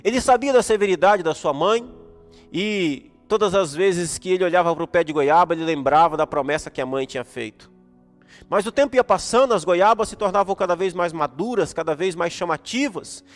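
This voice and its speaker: A man's voice: sits high, lively intonation, moderate pace. A man with a Brazilian accent, a pastor telling a story in an earnest sermon. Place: church. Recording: echoey hall with soft music.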